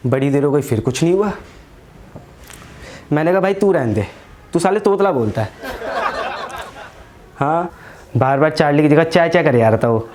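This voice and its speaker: A man's voice: on the high side, lively intonation, normal speed, pauses often, noisy background. A young man doing stand-up comedy, telling a story in a crude, slangy way and acting out his friends' lines.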